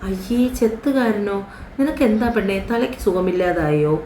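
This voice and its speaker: A woman's voice: mid-range voice, animated, normal speed, dark tone, slight background noise, lightly acted. A woman voicing a young woman who is a clingy, emotional sweetheart, speaking plaintively, recorded in a roomy room. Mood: scolding. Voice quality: plaintive, sulky.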